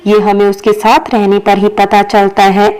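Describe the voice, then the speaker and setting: A woman's voice: medium pitch, completely flat delivery, measured pace, darkish tone, close to an everyday voice, poor audio. A woman voicing a playful, sulking young female employee in a storybook reading, with a childlike, insistent manner.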